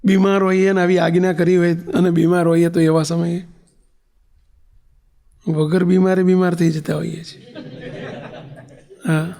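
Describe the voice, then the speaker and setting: A male preacher delivers a sermon, telling a story and pressing his listeners with questions. His voice is high-pitched with a gravelly rasp. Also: little pitch movement, unhurried, pauses often, warm tone. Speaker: spiritual leader giving a discourse.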